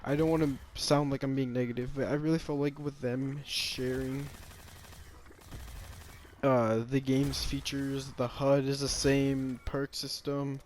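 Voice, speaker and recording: A man's voice: medium pitch, flat delivery, measured pace, darkish tone, a little hiss or hum. A man giving a casual, rambling opinion monologue about a game, often hesitating, restarting and sighing.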